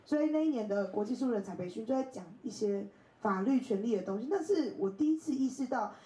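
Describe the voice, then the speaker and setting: Poor audio with an echoey room picks up a Taiwanese woman in her thirties giving a bookstore talk as an invited speaker. Speaking a little high and fast, she tells personal stories animatedly, laughing often and voicing the people she quotes.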